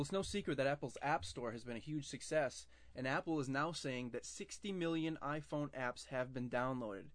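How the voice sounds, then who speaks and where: A man's voice: medium pitch, no room sound. Young guy doing a tech news podcast, chatty, lots of ums, dry close sound. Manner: chatty, with frequent fillers and restarts. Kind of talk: casual tech news commentary.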